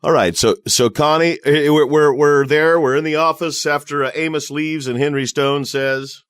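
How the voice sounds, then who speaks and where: A man's voice: a little high, steady tone, normal speed, fairly bright tone, clear, resonant tone, dry recording. A man hosting a podcast, chatting casually and asking his guest follow-up questions. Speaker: podcast host. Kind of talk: casual interview.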